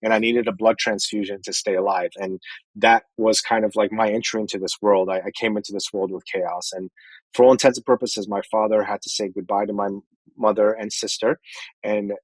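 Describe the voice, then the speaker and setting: A man in his forties from Iran, a podcast guest, telling his family story earnestly with some halting restarts. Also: fairly low pitch, level tone, dry recording, rough recording. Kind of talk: personal storytelling in an interview.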